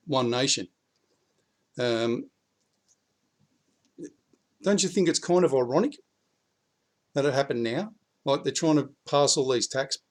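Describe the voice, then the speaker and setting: A mid-range, flu-roughened voice marks this blunt Australian prepping vlogger, who swears freely as he talks politics casually to camera outdoors in his backyard. When he presses a point, his voice climbs and rises in volume.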